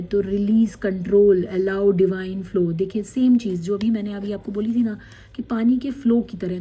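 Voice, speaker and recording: A woman tarot card reader, gently guiding viewers through a spiritual card reading, with many fillers. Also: medium pitch, breathy edge. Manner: slow, gentle guidance with many fillers, reading card messages aloud in English.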